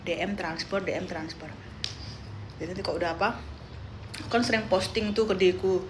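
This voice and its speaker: A young woman chatting on a phone livestream, telling animated stories and quoting her friends. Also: lowish voice, a little fast, background noise. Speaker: live streamer. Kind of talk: casual livestream chat.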